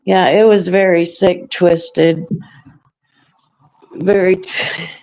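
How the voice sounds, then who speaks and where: A man in his forties in a casual group chat, recounting events in a halting way. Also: sits high, flat delivery, darkish tone, no room sound, poor audio. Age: 40s. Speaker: panel guest.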